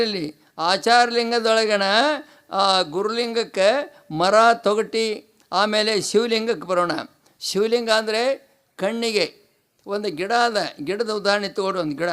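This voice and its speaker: A man's voice: sits high, fairly bright tone, clear, resonant tone. A man with a North Karnataka Kannada accent giving a devotional discourse, asking the audience rhetorical questions and repeating key phrases. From North Karnataka, India. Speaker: swami preaching a pravachana.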